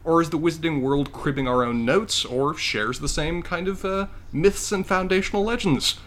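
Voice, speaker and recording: Animated, opinionated man chatting on a podcast. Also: a little high, normal speed, slight background noise. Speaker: podcast co-host. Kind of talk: casual podcast chat.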